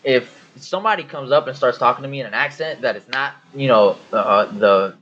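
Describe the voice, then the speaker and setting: A man's voice: mid-range voice, fairly quick, a bit bright. Rambling, swearing man, dull recording. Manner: swears constantly, rambling storytelling. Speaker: podcast co-host. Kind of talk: casual chat. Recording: dull audio with faint hiss.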